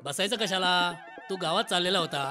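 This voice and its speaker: An actor playing a hurried, brusque village postman uncle who hands off his work to a boy. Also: high-pitched, over music, lightly acted.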